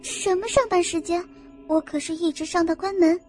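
Young saleswoman, high-pitched and pleading, voiced by a woman narrator; anxious, protesting delivery. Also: moderate pace, a little mellow, soft background music. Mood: indignant.

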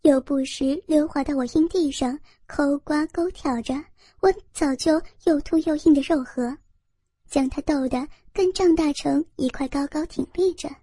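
High-voiced woman reading a story. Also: normal speed, dark tone, no room sound, clean studio sound. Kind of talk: first-person story narration.

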